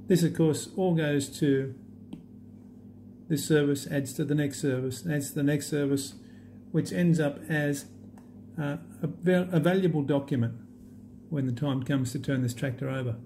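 A man with a low, gravelly voice talks through a tablet app demo at a desk. His tone is mellow and unscripted, full of pauses and fillers. A faint hiss of room noise sits behind him. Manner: relaxed, halting, many fillers. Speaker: app demonstrator. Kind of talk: unscripted screen demo walkthrough.

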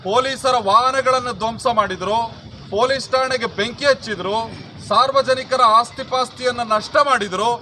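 A man's voice: extremely high pitch, bright, forceful tone, a little hiss or hum. A man, a protest leader, giving a fiery political speech at an outdoor street protest and repeating phrases for emphasis.

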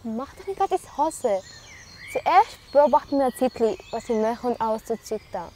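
Amateur film: woman as a daring Swiss German schoolgirl ringleader, high voice, faint outdoor noise. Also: lively intonation, moderate pace, warm tone, close to an everyday voice. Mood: scheming. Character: bold, scheming schoolgirl ringleader. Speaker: actor in an amateur short film.

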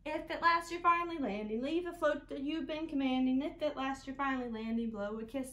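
A young librarian reads a picture book to children from a couch in a small room, slipping into sing-song and urging them to participate. Her high voice is a little fast and a bit bright. The dull audio from a camera a few feet away carries echo and some background noise.

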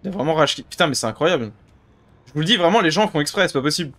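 A man's voice: a little high, expressive, very fast, a bit bright. A man in his thirties giving live gameplay commentary as a streamer, ranting with exasperation and sarcasm. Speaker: gaming streamer. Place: indoor room at home.

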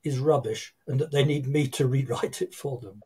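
An older man, a guest copywriter telling lively stories on a video call from his home office. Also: medium pitch, moderate pace, breathy edge. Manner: lively storytelling, acts out quoted people. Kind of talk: casual interview chat. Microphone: video call webcam.

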